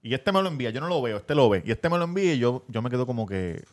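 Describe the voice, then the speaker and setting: A man's voice: mid-range voice, big pitch swings, rapid-fire. A man with a Puerto Rican accent, hosting a casual podcast in a crude, mocking, ranting way. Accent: Puerto Rican Spanish. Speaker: podcast host.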